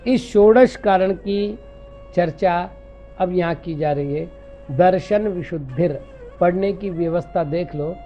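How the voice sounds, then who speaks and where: Slow, high-voiced monk teaching scripture. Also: male voice. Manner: recites Sanskrit verses slowly and deliberately, then explains them plainly; patient, explanatory, corrects common misreadings. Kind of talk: scripture lecture in Hindi. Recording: dull lo-fi recording with faint music.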